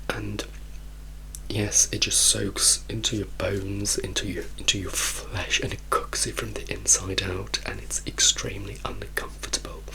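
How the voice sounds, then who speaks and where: A man from Italy gives a soft-spoken ASMR ramble in a hushed, mostly whispered voice, unhurried and repeating words for emphasis. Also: low voice, creaky, slight background noise, poor audio. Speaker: ASMR creator telling personal stories.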